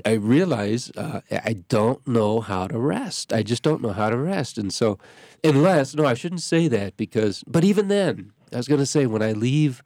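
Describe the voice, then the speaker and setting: A man's voice: medium pitch, expressive, normal speed, a little mellow, no echo, studio quality. A congested man, a pastor hosting a radio show, talking in a rambling way that keeps breaking off and restarting. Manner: rambling, self-interrupting. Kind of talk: casual radio chat. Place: radio studio.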